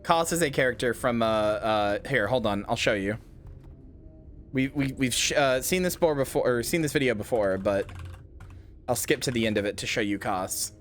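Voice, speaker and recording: A man's voice: medium pitch, moderate pace, soft background music. A man casually commenting on a game as he plays, rambling with lots of fillers and swearing. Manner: rambling, full of fillers, swears and loud outbursts. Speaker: game streamer.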